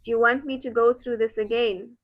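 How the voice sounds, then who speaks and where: A woman's voice: a little high, steady tone, a little fast, dull audio. A woman teaching an online class, explaining patiently with fillers while her voice breaks up over the call.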